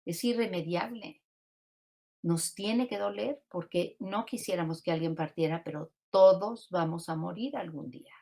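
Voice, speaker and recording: Woman counselor talking thru grief, calm and reflective, lowish voice. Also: measured pace, vocal fry. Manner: calm and reflective, poses rhetorical questions. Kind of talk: teaching talk on grief.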